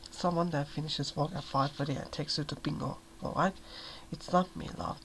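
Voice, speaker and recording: A quiet, menacing young man, as a male reader puts him on, cold and dismissive, talking soft and low. The voice sits slightly high with a gravelly edge. It is a soft-spoken ASMR reading with a faint hum behind it. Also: fairly even intonation, normal speed. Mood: hard, dismissive.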